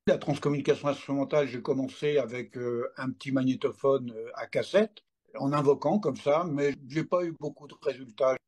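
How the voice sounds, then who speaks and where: Husky older man telling a story. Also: mid-range voice, brisk. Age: 70s. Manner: lively storyteller, acts out remembered dialogue. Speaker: interview guest. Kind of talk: casual storytelling.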